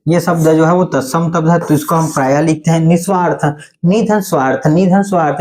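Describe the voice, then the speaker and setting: A man's voice: on the high side, darkish tone. Male hindi teacher, patient step by step explaining, keeps checking in with the class. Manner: explains patiently, often says "theek hai" to check in. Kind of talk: online class lecture.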